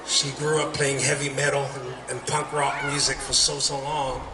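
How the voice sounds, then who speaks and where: A man's voice: mid-range voice, level tone, normal speed. A middle-aged man chatting from a concert stage between songs, rambling and heartfelt and often laughing. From New Zealand. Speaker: slack key guitarist performing at a festival. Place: concert stage at an arts center. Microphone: stage microphone. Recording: roomy live concert recording from a distance. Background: loud crowd and hall noise.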